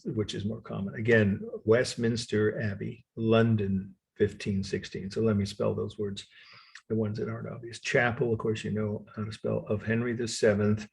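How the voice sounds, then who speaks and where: Low husky guy teaching art history, gravelly, spells stuff out slow for the class. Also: flat delivery. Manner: explanatory, spells words out slowly, frequent uh fillers. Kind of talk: college lecture.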